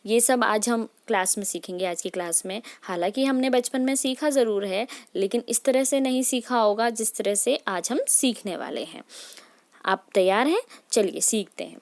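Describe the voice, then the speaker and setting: A woman's voice: fairly high pitch, normal speed, a little mellow. A woman teaching a lesson to children, patient, often checking in with questions and asking them to say sounds aloud with her. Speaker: Hindi teacher. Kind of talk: classroom lesson.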